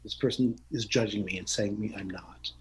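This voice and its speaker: On a rough recording, a middle-aged man with a fairly low voice talks at normal speed as a guest in a reflective interview. His manner is candid and earnest, broken up by frequent laughter and restarts.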